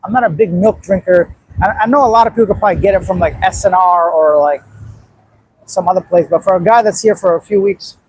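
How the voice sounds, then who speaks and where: A livestream host from Afghanistan, a man in his late thirties, chats casually and bluntly, rambling as he reacts to what viewers write. His voice sits on the high side, and the rough recording carries slight background noise.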